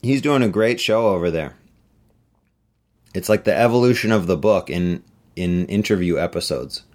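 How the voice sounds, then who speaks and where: A middle-aged man, an author, answering interview questions in a relaxed, chatty way with many fillers. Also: low-pitched, normal speed. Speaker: author on book tour.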